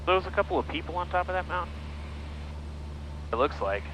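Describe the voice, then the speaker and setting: Over a cockpit headset intercom, a private pilot with a high, expressive voice chats casually and makes radio calls at a brisk clip while flying a small plane. The audio is poor, with faint engine noise in the background.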